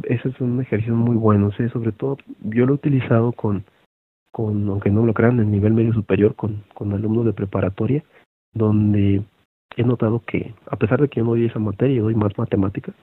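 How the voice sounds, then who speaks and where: This teacher, a man with a Mexican accent, runs an online session for other teachers in a chatty lecture style packed with fillers and tag questions. His voice sits on the low side with a breathy edge. The thin, phone-like recording has no echo.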